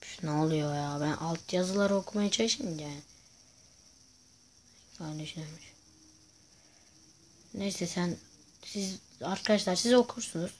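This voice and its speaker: A man's voice: high voice, unhurried, long pauses, a little hiss or hum. A man giving casual gameplay commentary to viewers, chatty and full of crude jokes. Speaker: gaming YouTuber host.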